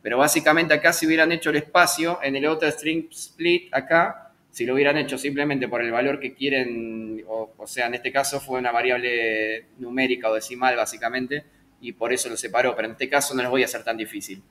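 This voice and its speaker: A man's voice: mid-range voice, steady tone, a little fast, pushed and bright, slight background noise. A man teaching a live online programming class, chatty and correcting himself with small jokes at his own slips.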